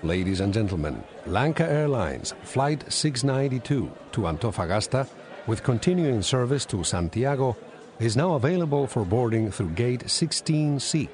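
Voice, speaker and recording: A man's voice: mid-range voice, big pitch swings, moderate pace, darkish tone, lightly acted. A man playing a polite, formal airline gate announcer, reading out an airport announcement. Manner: polite, formal, scripted delivery.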